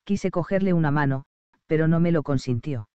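A man narrating an audiobook in a measured, expressive storytelling manner. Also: on the high side, clean tone, dry recording, highs cut off.

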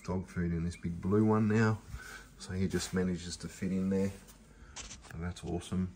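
A man's voice: low-pitched, flat delivery, normal speed, a little mellow, slight background noise. A man casually showing his kitchen and pantry on a handheld phone, rambling with lots of fillers and restarts. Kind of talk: casual home tour, filmed on phone. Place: home kitchen and pantry, indoors. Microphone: handheld phone camera.

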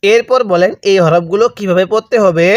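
Man, Bangladeshi Bengali accent, Quran reading teacher, patient call-and-repeat drills, high voice, dry close sound. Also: no room sound. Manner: patient, repeats each letter slowly and asks the viewer to read along. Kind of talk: slow recitation lesson with call-and-repeat drills.

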